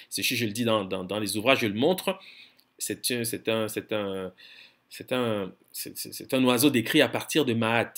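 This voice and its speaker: A man with a medium-pitched voice gives a scholarly lecture in a firm, insistent tone. He frequently repeats words as he hunts for phrasing, and he slows down to spell out foreign terms.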